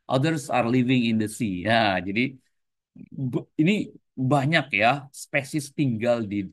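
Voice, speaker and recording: A man teaches an online English class for adults in a slow, mid-range voice, recorded dry. He switches between English and Indonesian, drops a casual "ya" onto nearly every phrase, and repeatedly addresses his students as friends.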